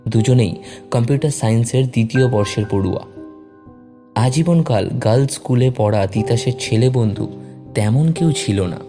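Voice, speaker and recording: A man reads a story aloud, measured and expressive. His pitch is middling, and clear background music runs under his voice throughout. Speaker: story reader. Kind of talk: scripted story narration. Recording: narration over background music.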